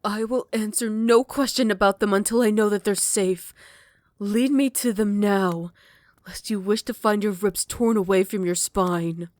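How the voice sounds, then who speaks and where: This voice actor has a medium-pitched, everyday-sounding voice with fairly even intonation and a measured pace, recorded dry. As a possessive female vampire queen in an ASMR roleplay, she goes from close, loving whispers to furious shouted threats.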